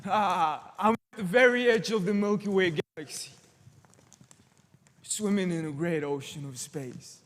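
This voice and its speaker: A man's voice: high-pitched, measured pace, fairly bright tone. Young man playing a stammering, sheltered man turned defiant. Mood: quietly resolute. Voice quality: stammering, repeats words. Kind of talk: stage monologue. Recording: reverberant hall.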